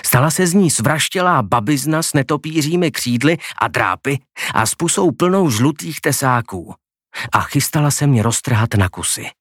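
A man's voice: mid-range voice, no room sound. Man narrating an audiobook, dry sound. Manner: expressive, acts out the characters.

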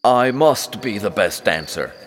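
Man doing a loud bragging monster, roars way up high, echoey. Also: lively intonation, a little slow, slight background noise. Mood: boastful. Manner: roaring, boastful. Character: boastful hairy male monster, loud and greedy.

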